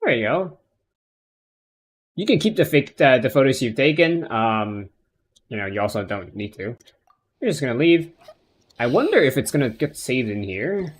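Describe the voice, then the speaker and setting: A man's voice: mid-range voice, very animated, moderate pace, pauses often, slightly rough. A man doing casual live game commentary as a streamer, rambling and hesitant in an offhand way. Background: plucked guitar game music.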